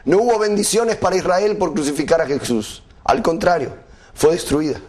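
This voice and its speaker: A middle-aged man preaching a sermon, asking the congregation rhetorical questions and reading scripture slowly. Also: darkish tone. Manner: quotes scripture at a slower, lower pitch.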